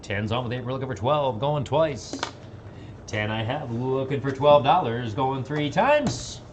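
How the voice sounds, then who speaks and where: A man's voice: medium pitch, animated, a little slow, slight background noise. A man calling a live auction as auctioneer, chanting numbers in a rhythmic, repetitive patter. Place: auction gallery room, livestream.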